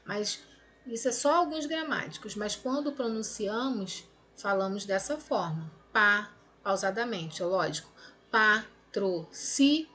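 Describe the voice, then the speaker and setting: A woman's voice: mid-range voice, a little slow, a bit bright. A woman with a Brazilian Portuguese accent, teaching grammar, explaining step by step, stretching out words syllable by syllable and checking in often with her students. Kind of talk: recorded lesson correcting exercises.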